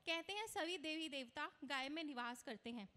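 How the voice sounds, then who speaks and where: High-voiced woman lecturing in a reverberant hall. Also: expressive, moderate pace, bright, forceful tone. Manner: earnest, instructive, mixes English words into Hindi. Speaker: astrology speaker. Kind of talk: conference speech. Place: conference hall. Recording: long reverb of a large hall.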